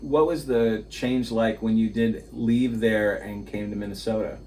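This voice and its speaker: A man hosting an interview podcast, asking friendly, halting questions. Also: on the low side, steady tone, darkish tone, far from the mic, soft background music. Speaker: podcast host.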